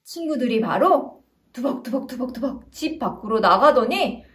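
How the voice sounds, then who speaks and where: A woman with a very high voice tells a Bible story to small children. She speaks in an animated, sing-song storytelling manner as a children's evangelist. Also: moderate pace.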